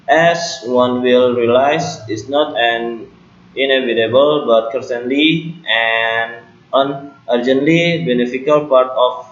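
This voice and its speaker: A male student reads an academic presentation slowly and carefully, making small self-corrections along the way. His voice is medium-pitched, captured in a roomy, dull, lo-fi home recording.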